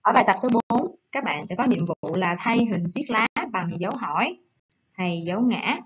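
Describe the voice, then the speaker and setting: Gentle woman teaching small children. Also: mid-range voice, animated, slightly rough, highs cut off. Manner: gentle, coaxing, slow syllable-by-syllable dictation. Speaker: primary school teacher. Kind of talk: recorded online lesson for young children.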